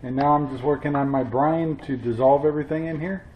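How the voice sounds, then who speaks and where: Older male cooking host, casual and unhurried, roomy kitchen sound with a dull edge. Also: fairly high pitch, fairly even intonation, slight background noise. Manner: easygoing, halting, chuckles often. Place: home kitchen. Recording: roomy, slightly dull home audio.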